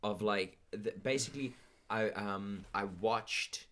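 A man with a deep, low voice co-hosts a casual podcast. He talks in a laid-back way, dropping slang like "dude" as he bounces ideas around. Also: slow, fairly bright tone. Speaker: podcast co-host. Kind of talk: casual brainstorming chat.

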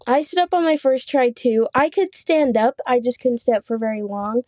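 A young woman chatting on a podcast in a slightly high, mellow voice. She talks fast and loose, laughing and filling with "like" as she tells a story. The sound is close and dry. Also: no room sound. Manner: chatty, laughs often, says "like" a lot. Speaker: podcast co-host. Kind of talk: casual chat.

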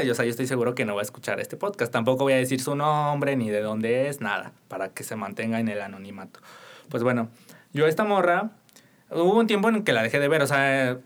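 A young man with a Mexican accent, co-hosting a casual podcast chat and telling a rambling story full of fillers. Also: medium pitch. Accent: Mexican Spanish. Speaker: radio podcast co-host.

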